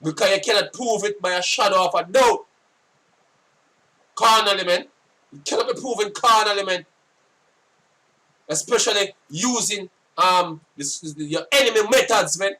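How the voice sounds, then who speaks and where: A Jamaican man giving casual sitdown commentary on scripture, forceful and scolding, often repeating himself. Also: high-pitched, normal speed, pauses often, recorded from a distance. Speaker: religious commentator.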